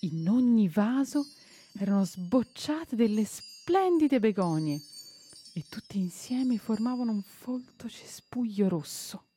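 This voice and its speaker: A woman reading a children's novel aloud on radio, expressive and unhurried, with small slips and self-corrections. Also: fairly high pitch, husky. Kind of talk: storybook reading. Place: radio studio.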